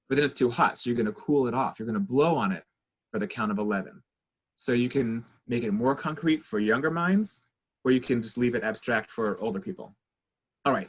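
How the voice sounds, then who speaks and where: Man, husky voice, child therapist, counting breaths for a webinar audience, video call. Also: mid-range voice. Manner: coaching, counting the audience through exercises. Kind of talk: guided breathing instruction and lecture.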